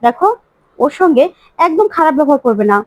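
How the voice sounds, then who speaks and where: A woman's voice: high voice, animated, fairly quick, darkish tone, dry recording, dull audio. A woman voicing a stern, hurt middle-aged mother scolding her grown daughter. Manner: scolding, bitter.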